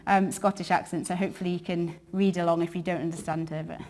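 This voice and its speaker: A woman's voice: fairly low pitch, little pitch movement, quick pace, a little mellow. A woman women's worker presenting informally, explaining things in a hesitant, conversational way.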